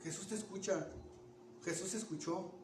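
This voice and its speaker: A man preaching a sermon in an animated way, asking the congregation questions and restarting words. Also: high voice, moderate pace, background noise. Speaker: pastor. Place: church. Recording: echoey church room from far off.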